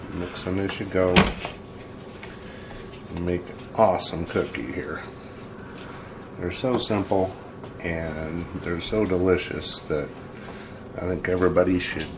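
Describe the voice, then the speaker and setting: An easygoing man with a lowish voice talks through a home cooking demonstration in a chatty, plainspoken way. A faint hiss of background noise sits under his voice. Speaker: home cook, channel host.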